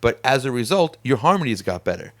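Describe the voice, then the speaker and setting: A man's voice: medium pitch, fast. Chatty man hosting a studio talk. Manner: talkative, animated, laughs often. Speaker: podcast host. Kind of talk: casual chat.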